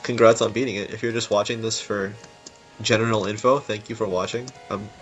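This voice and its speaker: A man with a voice on the low side and fairly even intonation talks a little fast in casual, unscripted gameplay commentary about a level he designed. The audio is dull, and game music plays in the background.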